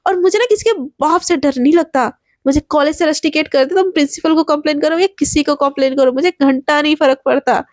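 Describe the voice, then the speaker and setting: A woman's voice: high-pitched, brisk, dry recording, clean studio sound, lightly acted. A woman voicing a fierce, defiant young college woman who talks bluntly and threatens anyone who crosses her. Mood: furious.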